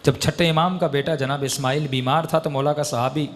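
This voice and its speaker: A man preaching a narrative sermon, telling a story and rising to sudden high emotional peaks. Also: fairly even intonation. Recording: long hall reverb.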